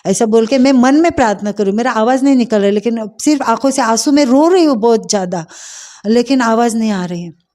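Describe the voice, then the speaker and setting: A middle-aged woman telling a personal faith testimony, heartfelt and hesitant, pausing often with fillers. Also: fairly high pitch, mellow. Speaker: testimony speaker.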